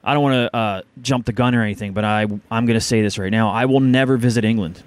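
A man co-hosting a podcast in casual chat, teasing the others in a dry, deadpan way. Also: lowish voice, fast talker. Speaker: podcast co-host.

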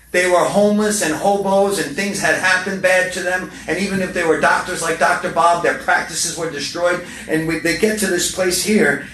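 A man's voice: sits high, a bit bright, recorded from a distance. A middle-aged man telling stories at a recovery meeting, passionate and humorous, repeating words for emphasis. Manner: passionate storytelling with repetitions and humor. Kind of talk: speaker share talk. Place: meeting hall. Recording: roomy echo from off-mic. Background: faint room ambience.

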